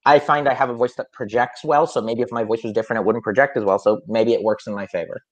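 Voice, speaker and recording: A music teacher chats casually on a podcast, speaking fast in a mid-range voice with fairly even intonation. His voice is slightly nasal, and he rambles hesitantly, full of fillers and restarts.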